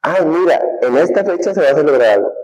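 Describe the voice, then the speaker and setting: A man's voice: on the high side, lively intonation, quick pace, a little mellow, voice pushed up, low-quality recording. A coy woman dropping sing-song hints about what she wants, as a male teacher puts her on. The voice lifts well above his own and rises in level. She never asks outright and only suggests. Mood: coy hinting.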